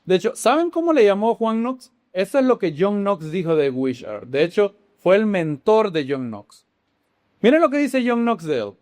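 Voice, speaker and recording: A man teaching in a sermon style, animated, often asking his audience questions and dropping into hushed dramatic lines. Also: high voice, moderate pace, no echo. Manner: animated, with sudden swings between loud exclamations and hushed dramatic lines. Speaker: Bible teacher.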